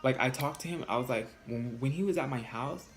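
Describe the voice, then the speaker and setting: A man telling a dramatic personal story to the camera in a casual vlog. He swears a lot, and his voice leaps high whenever he acts out the arguments. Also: fairly quick, faint music behind. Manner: animated, profane, jumps high in pitch when quoting arguments. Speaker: vlogger.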